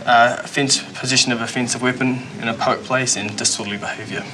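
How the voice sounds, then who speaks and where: A man's voice: mid-range voice, steady tone, fast talker. A male police officer with a New Zealand accent, informally questioning and explaining in plain words. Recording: echoey room, faint noise.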